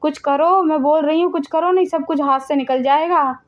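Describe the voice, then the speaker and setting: A jealous, scheming elder sister-in-law, played by a woman in an animated family drama. She speaks high and sharp, sulking and plotting against the younger wife. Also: unhurried, muffled recording, natural voice. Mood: agitated.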